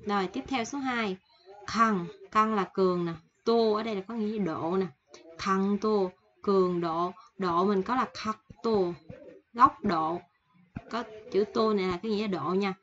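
A woman with a cold teaching Korean vocabulary in a casual online lesson, slowly repeating and explaining each word from a list. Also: mid-range voice, a bit bright, lo-fi sound. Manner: slow repetitive explaining, reading word lists. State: has a cold.

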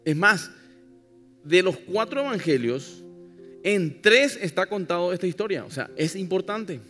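A man's voice: high-pitched, expressive, unhurried, fairly bright tone. Pastor guy preaching, wry asides to the church, faint music, echoey hall. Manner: emphatic preaching with wry irony and asides to the congregation. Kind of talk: sermon.

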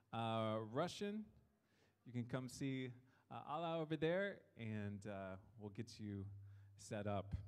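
A man's voice: mid-range voice, clear, resonant tone. A male pastor, preaching a sermon in a conversational, folksy way, with small fillers and restarts. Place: church hall. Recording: hall reverb.

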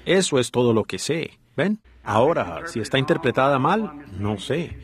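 A man voices a preacher's sermon in a dubbed Spanish reading. His pitch sits in the middle range, and his delivery is earnest, broken up by rhetorical asides and direct questions to the listeners. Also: sing-song, normal speed.

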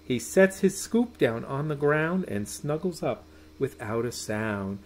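Reading a rhyming picture book for bedtime, a middle-aged man sounds medium-pitched and sing-song, elongating words and dropping to soft, hushed goodnights. The small home room recording carries a little hiss or hum.

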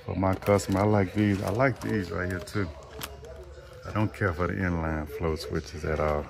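A man's voice: low voice, steady tone, moderate pace, creaky. A man, an HVAC technician, casually vlogging his workday and talking to viewers as folks. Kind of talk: casual vlog narration. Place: on the go, store and truck.

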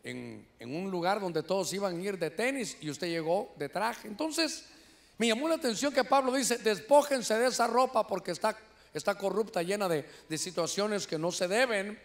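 A Honduran man preaching from the pulpit with a strikingly high voice. He talks in an animated, energetic way, keeps calling his listeners "brother," and raises his voice when he acts out people crying out. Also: moderate pace, vocal fry. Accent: Honduran Spanish. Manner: animated preaching, often addressing listeners as "hermano"; shouts when voicing quoted cries. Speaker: pastor. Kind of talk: sermon. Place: church sanctuary.

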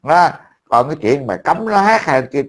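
A man's voice: a little high, very animated, moderate pace. A man, talking casually to a friend as an online commentator, blunt, profane and mocking.

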